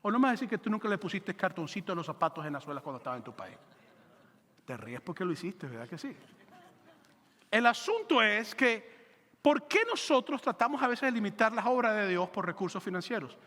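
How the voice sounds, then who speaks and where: A man pastor preaching a lively, joking sermon into a handheld microphone in a church auditorium. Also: sits high, a little fast, big-room sound.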